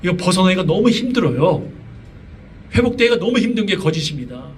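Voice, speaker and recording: A middle-aged man preaching a sermon with a high, light voice, asking the congregation one question after another and talking in a loose, chatty way. He sounds set back from the microphone, and a faint hum of the room sits under his words. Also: very animated, brisk. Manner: conversational preaching with many fillers and rhetorical questions. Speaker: pastor. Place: church sanctuary. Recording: voice from a distance, faint room noise.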